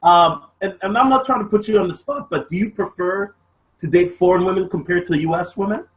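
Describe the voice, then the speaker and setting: A man's voice: high voice, brisk, poor audio. A man hosting an interview, asking questions hesitantly with many restarts. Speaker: interviewer, channel host.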